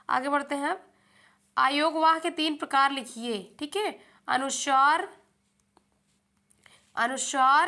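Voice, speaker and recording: Young woman teacher, high clear bright voice, asks questions and answers them herself, exam prep. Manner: repeats questions back to the viewer, calls them friends.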